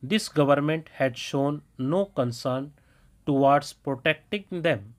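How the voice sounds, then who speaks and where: A man reading a parliamentary speech aloud as shorthand dictation, measured and even, phrase by phrase. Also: on the high side. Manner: measured, evenly paced phrase by phrase.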